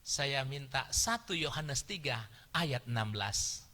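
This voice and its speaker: A middle-aged man delivers an animated sermon, dropping into hushed asides and then surging into loud exclamations. His voice is bright and forceful, ringing out under a long reverb that fills the church hall. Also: mid-range voice, a little slow. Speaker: pastor.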